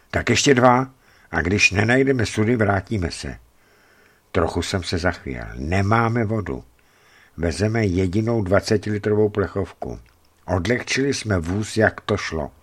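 A man reading his own travel memoir aloud in a tense, measured storytelling manner. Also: sits low, husky. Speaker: narrator of his own desert journey.

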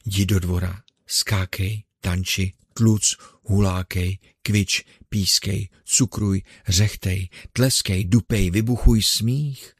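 A man voicing an eccentric old male showman in an audiobook, loudly ordering people about. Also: low voice, fairly even intonation, few pauses, breathy edge, no room sound, studio quality. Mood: bossy. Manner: exclaiming, bossing others about. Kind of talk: audiobook character reading.

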